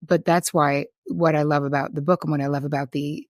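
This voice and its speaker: A woman's voice: sits low, steady tone, a little fast, no room sound, clean studio sound. A woman hosting a casual interview, talking candidly and informally, with some casual swearing. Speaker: interview host.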